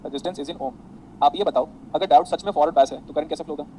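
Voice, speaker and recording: Chatty high-voiced male teacher, rapid delivery. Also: dark tone, a little hiss or hum, rough recording. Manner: chatty, digressive, mixes Hindi and English, calls students beta. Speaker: physics teacher. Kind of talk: online class lecture.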